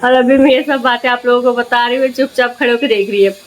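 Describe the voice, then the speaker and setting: A woman's voice: fairly high pitch, fairly even intonation, fast talker. A young woman, a mother, chatting casually to camera in a home vlog and telling her story with lots of fillers. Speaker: vlogger, mother.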